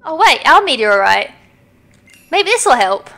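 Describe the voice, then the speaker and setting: Bright-voiced woman commenting on a game. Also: high-pitched, big pitch swings, a little slow. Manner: joking, chatty asides. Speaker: gameplay video host.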